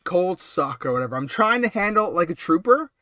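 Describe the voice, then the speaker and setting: Despite having a cold, this late-night live streamer speaks in a high, bright, smooth and clear voice at a fairly quick pace. His relaxed talk wanders along with plenty of ums and brief laughs, captured in a dry, close recording.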